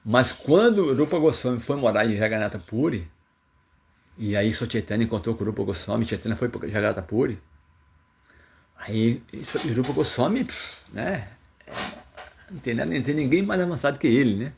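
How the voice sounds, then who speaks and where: A male religious teacher with a Brazilian Portuguese accent comments on scripture in a loose, storytelling way. His voice is gravelly and sits at an ordinary middle pitch. He stumbles and restarts often as he acts out the figures in his stories. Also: lively intonation, normal speed, pauses often, a little mellow, a little hiss or hum. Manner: storytelling with acted quotes, many fillers and restarts.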